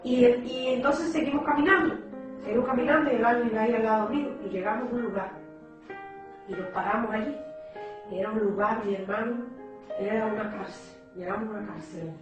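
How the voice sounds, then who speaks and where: A woman's voice: a little high, fairly even intonation, fairly quick. Echoey woman giving a church testimony. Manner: emotional, repetitive, addresses listeners as brother. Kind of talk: religious testimony. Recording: echoey hall, far from mic, with music.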